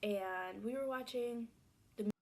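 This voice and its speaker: A woman telling a personal story in a soft, hesitant way, sometimes dropping to a near-whisper. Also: a little high, takes it slowly, a little hiss or hum.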